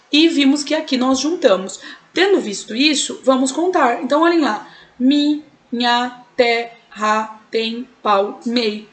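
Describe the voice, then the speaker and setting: A Brazilian woman teaches a recorded lesson, her voice set a little higher than most. She explains step by step and keeps checking in with her students. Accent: Brazilian Portuguese. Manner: explanatory, checks in with frequent tags.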